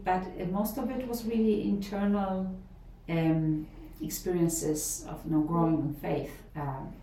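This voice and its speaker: A middle-aged woman, a professor from Poland with a Polish accent, gives thoughtful interview answers with many fillers and restarts. Her voice is fairly low in pitch and dark in tone. Slight background noise and faint ambience come through in a roomy recording made a bit distant from the mic.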